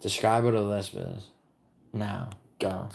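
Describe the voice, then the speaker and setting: Chatting loosely with his live-stream viewers, a very deep-voiced man who was born in Italy and raised in New York rambles, curses and keeps restarting with "like" and "I mean." He speaks slowly with a steady tone, and his voice is creaky and a little mellow.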